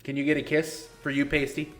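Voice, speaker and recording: A man's voice: fairly high pitch, completely flat delivery, brisk, fairly bright tone. A man in his thirties hosting a casual live-stream Q&A for a gaming league, answering chat questions in a blunt, joking, sarcastic way. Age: 30s.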